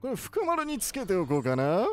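Man putting on an excitable, high-pitched old professor. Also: soft background music. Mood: playful, focused. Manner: old-man speech, playful exclamations, drawn-out words. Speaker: gaming video host. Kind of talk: video game commentary.

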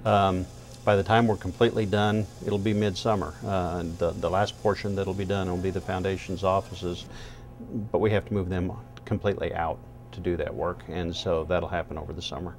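A man's voice: deep voice, level tone, moderate pace, a little mellow, slight background noise. A man from a college's facilities side, explaining plainly and matter-of-factly on camera, with frequent uhs, in a large indoor hall. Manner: matter-of-fact, listing details with many uhs. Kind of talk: on-camera interview.

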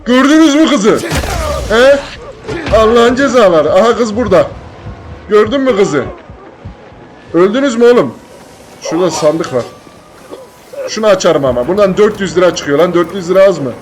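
Rowdy high-voiced young man gaming. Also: animated, moderate pace, long pauses, slight background noise. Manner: rowdy, swearing, yelling at the game. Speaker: gaming channel host. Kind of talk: let's play commentary.

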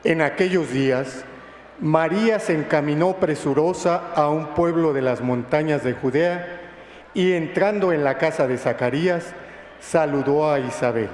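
Priest's solemn voice in cathedral echo. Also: male voice, on the high side, darkish tone. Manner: solemn, formal, measured proclamation. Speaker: priest reading the Gospel at Mass. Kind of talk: solemn liturgical scripture reading. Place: large church. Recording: cathedral echo, long reverb, faint noise.

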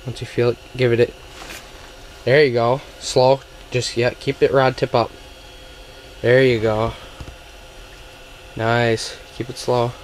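A man's voice: mid-range voice, little pitch movement, slow pace, long pauses, a little hiss or hum. A young man hosting a casual fishing vlog, upbeat and coaching his cousin with short repeated cheers, recorded on an action camera inside a small ice shelter. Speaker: outdoors channel host.

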